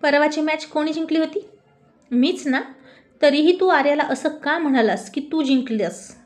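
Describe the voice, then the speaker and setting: A woman's voice: high voice, moderate pace, voice pushed up, natural voice. A woman voicing a feisty teenage girl who bickers indignantly with a cousin. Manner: indignant, teasing.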